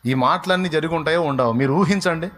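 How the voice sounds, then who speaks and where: A man preaching with dramatic storytelling. His voice sits fairly high, and he acts out villagers and heroes in colloquial voices. He swings between loud exclamations and low, confiding asides. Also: fast talker. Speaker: pastor. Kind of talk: sermon.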